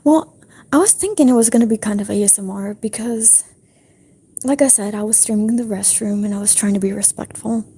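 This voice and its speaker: A young woman livestreaming in a breathy whisper, rambling casually with lots of fillers from her apartment restroom. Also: mid-range voice, a little fast, mellow. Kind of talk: whispered casual stream chat.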